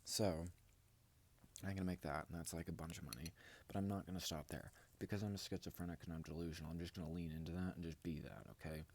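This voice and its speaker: A man's voice: low voice, fairly even intonation, fast talker, darkish tone, slight background noise. A man vlogging in a rambling, grandiose monologue straight to his viewers. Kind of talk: casual vlog monologue.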